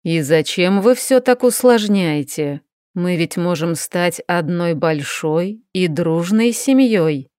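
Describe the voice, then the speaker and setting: A woman voicing a cold, menacing middle-aged male mage who talks in a slow, commanding way. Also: on the low side, expressive, a little mellow, clean tone, dry recording, studio quality.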